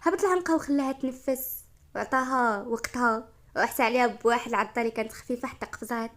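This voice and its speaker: A woman's voice: a little high, fast talker, fairly bright tone. Moroccan woman narrating a story.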